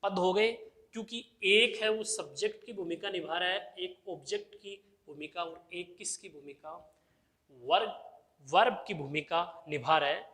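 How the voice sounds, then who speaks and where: A man's voice: sits high, measured pace, sharp tone. A male teacher giving an exam-prep grammar lesson, who asks the class questions and answers them himself, repeating the key terms. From India.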